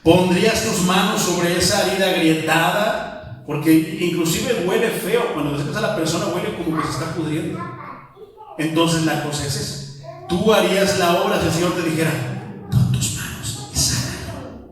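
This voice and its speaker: A man's voice: sits high, normal speed, slight background noise. A man with a Mexican accent preaching a sermon as pastor, talking conversationally with many rhetorical questions and frequent appeals to "my brother". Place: church prayer hall. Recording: very echoey hall, voice from far off.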